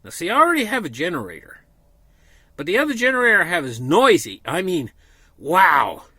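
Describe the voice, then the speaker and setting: Male unboxing vlogger, forward bright tone, swinging intonation, folksy and unscripted, recorded inside a small camper trailer. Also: high-pitched, very animated, fairly quick, breathy edge, no echo. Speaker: vlogger presenting a product unboxing. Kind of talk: casual unscripted product walkthrough.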